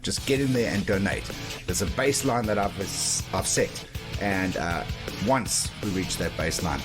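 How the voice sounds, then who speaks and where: A man with a fairly low voice hosts a radio show. He speaks directly to the audience in a presenter's style, with clear music behind him. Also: normal speed.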